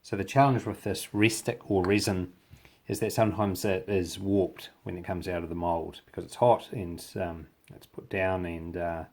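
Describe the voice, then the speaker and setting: A man with a New Zealand accent and a gravelly voice, giving a casual hands-on hobby demonstration in halting, unscripted phrases. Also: fairly even intonation, darkish tone. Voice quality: gravelly, low voice. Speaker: hobby tutorial presenter.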